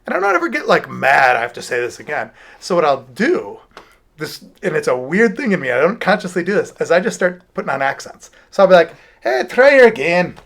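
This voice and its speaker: A middle-aged man, a music producer, chatting as an interview guest in an animated, rambling way with many restarts and asides. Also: a little high, a little fast, vocal fry. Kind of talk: casual interview talk.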